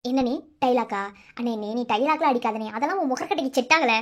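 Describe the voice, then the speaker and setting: A woman's voice: sits high, quick pace. A woman voicing a bossy, cheeky young village sister who mocks and orders her brother in Madurai Tamil for a cartoon. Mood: mocking. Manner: bossy, mocking.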